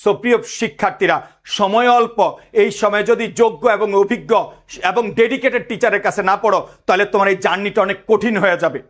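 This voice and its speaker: A man's voice: high voice, fairly quick, fairly bright tone. A man in his thirties teaching an exam-prep lesson, drilling students with repeated questions and mixing in English words. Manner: code-switches into English words.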